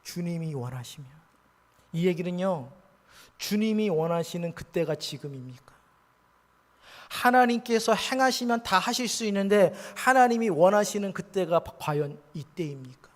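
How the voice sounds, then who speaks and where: A male pastor preaches in a high, bright voice. He delivers an earnest sermon that swings from hushed near-whispers to emphatic rises. His voice rings with the long reverb of a church hall. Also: expressive, normal speed. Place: church sanctuary.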